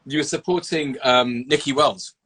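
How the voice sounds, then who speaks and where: A man with a husky, mid-pitched voice hosts a casual interview. He talks loosely and with enthusiasm, swearing freely as he goes. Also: normal speed, a bit bright. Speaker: host. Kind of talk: casual interview over a phone call.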